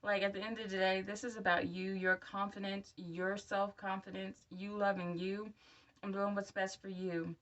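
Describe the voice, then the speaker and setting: A woman's voice: medium pitch, flat delivery, normal speed, fairly bright tone, highs cut off. A woman in her thirties who is a new denture wearer, talking candidly and encouragingly to viewers in a casual personal video update. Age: 30s. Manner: candid, encouraging direct address. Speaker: vlogger. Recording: voice somewhat far from the mic.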